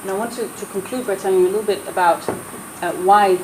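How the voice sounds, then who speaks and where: A woman from the Netherlands, brought up in the US and speaking with an American accent, addresses a roundtable in a mid-range, fairly even, brisk voice. She's earnest and persuasive yet keeps restarting. Echo and noise fill the room.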